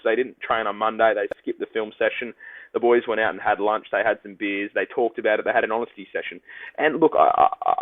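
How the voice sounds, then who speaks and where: A young man hosting a solo sports-betting podcast, talking rapid-fire like an auctioneer. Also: fairly low pitch, no echo. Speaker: podcast host, sports tipster. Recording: dry, phone-like lo-fi audio.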